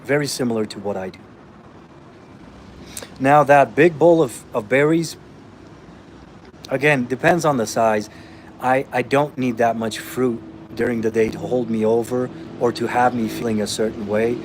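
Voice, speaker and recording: A man's voice: mid-range voice, normal speed, pauses often, a little hiss or hum. A man from Austria, a fitness coach answering viewer comments in a blunt, emphatic way, calling listeners bro.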